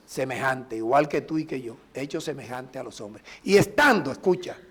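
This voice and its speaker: A middle-aged man from Colombia, a pastor preaching a sermon with emphatic, drawn-out phrases and prayers. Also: fairly high pitch.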